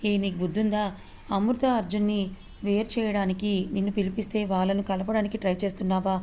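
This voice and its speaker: Storybook villainess, put on by a woman narrator: scheming and gloating, mellow and even. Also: medium pitch, brisk, lightly acted. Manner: sneering, plotting.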